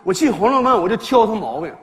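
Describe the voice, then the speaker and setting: A man's voice: high voice, quick pace. A man, performing sketch comedy in a teasing, laughing manner. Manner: animated, teasing, often laughing. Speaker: comic actor playing a father. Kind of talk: northeastern Chinese sketch comedy. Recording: live stage, hall reverb, audience.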